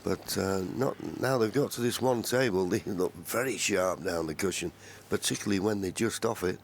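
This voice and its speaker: A man giving measured, understated live commentary on a snooker match. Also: low-pitched. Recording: faint live arena noise.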